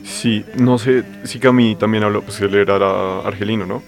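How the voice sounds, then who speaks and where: A man's voice: on the low side, fairly even intonation, normal speed, faint music behind. Laid-back man, slangy. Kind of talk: casual literary discussion.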